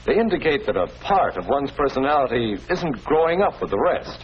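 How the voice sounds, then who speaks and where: A man with an American accent, his voice mid-range, natural, brisk and very animated, acts the part of a patient, fatherly schoolmaster or principal explaining things in a 1940s educational film. The mood is patient and instructive, and the soundtrack is old and noisy.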